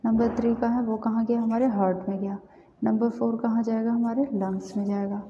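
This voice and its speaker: A woman's voice: on the high side, little pitch movement, a little fast, warm tone. A woman teaching anatomy in a casual lesson, walking through diagrams and often checking that listeners follow. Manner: repeats "theek hai" often, checks understanding. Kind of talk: informal lesson explaining diagrams. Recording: roomy, long reverb, dull, faint hiss.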